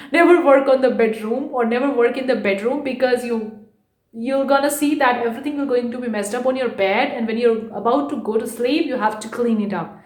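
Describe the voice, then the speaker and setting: A woman's voice: fairly high pitch, a little mellow, echoey room. A woman talking to her viewers in a casual vlog from her bedroom, chatty and rambling, often saying "guys". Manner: says she speaks too fast. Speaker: art vlogger and online entrepreneur.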